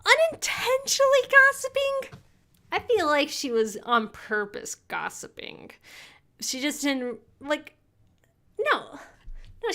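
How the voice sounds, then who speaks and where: Higher-voiced woman chatting on stream. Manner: rambling, thinks aloud, reads chat messages. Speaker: streamer playing a trivia quiz. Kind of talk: casual live-stream chat.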